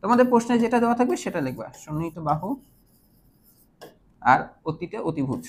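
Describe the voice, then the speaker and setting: A woman's voice: lowish voice, big pitch swings, fairly quick, slight background noise. A woman teaching an online math lesson, patiently asking her students whether they follow and mixing English math terms into her speech. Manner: patient, keeps checking understanding with questions.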